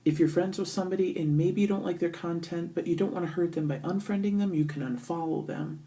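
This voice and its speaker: A woman's voice: lowish voice, fast talker, mellow. A middle-aged woman vlogging in a bathroom with an echo, chatting casually with lots of ums and asking her viewers for feedback. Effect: echoey bathroom sound. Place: bathroom on a business trip.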